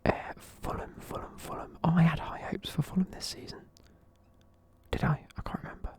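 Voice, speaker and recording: A man's voice: a little high, little pitch movement, normal speed, a little mellow. Sleepy whispering young man. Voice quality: whispering throughout. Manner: casual, sleepy, swears offhand. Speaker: video creator. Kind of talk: whispered football team review.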